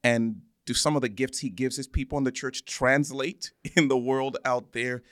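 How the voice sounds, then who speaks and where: This is a conversational interview in which a Zambian man, a church minister, tells personal stories, repeating words earnestly for emphasis. His medium-pitched voice is a bit bright, with fairly even intonation and a normal speed. The recording is dry and of studio quality.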